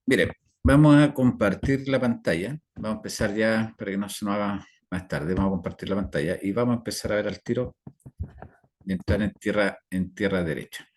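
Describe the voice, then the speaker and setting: A man's voice: lowish voice, a little fast, darkish tone. A Chilean man teaching an online class over a video call, rambling with fillers and constantly checking in with his students. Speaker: instructor.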